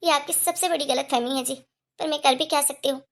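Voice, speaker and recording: A woman's voice: high-pitched, steady tone, brisk, lightly acted. A woman voicing a young wife and mother of two in a cartoon, talking earnestly and pleadingly. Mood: hurt.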